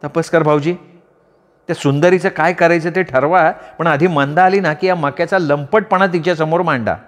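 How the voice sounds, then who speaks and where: A man's voice: a little high, moderate pace, voice pushed up, natural voice. A troublemaking woman neighbour pries and insinuates in a lifted, sly voice, played by a male storyteller. Long hall echo around the voice. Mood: prying. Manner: prying, insinuating. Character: gossiping middle-aged woman neighbour, troublemaker.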